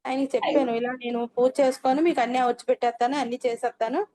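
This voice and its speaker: A woman's voice: high-pitched, flat delivery, very fast, warm tone. An older woman earnestly telling her meditation experience as a personal testimony, closing her sentences with polite endings. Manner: earnest storytelling, frequent polite "andi" endings.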